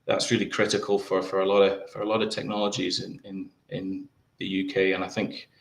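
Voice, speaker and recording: A man with a low voice giving interview answers from an echoey room. He talks in a flat, even tone and often stumbles and repeats words before getting to his point. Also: creaky. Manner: halting, many repeated words. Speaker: guest.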